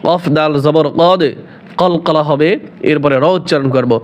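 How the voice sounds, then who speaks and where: A man's voice: fairly high pitch, fairly even intonation, unhurried. A man teaching Quran recitation in a tajweed lesson with a Bangladeshi Bengali accent, patiently breaking words into letters and repeating each phrase. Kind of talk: tajweed lesson, explaining then reciting slowly. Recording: slightly dull lo-fi audio.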